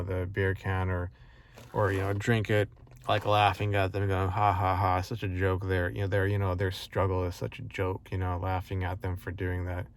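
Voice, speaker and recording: Brief: low monotone man, rambling earnest vlog talk full of fillers. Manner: rambling, many fillers and restarts; frustrated, earnest. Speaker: vlogger. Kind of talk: casual personal vlog monologue.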